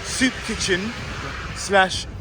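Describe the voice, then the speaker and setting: Man, street vlogger, slightly high voice, eager pitch, loud traffic behind. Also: extremely slow. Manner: pitching an idea, lots of agreeing "yes". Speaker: vlogger and community cook. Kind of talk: street interview. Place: outdoors on a busy street. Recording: loud traffic noise outdoors.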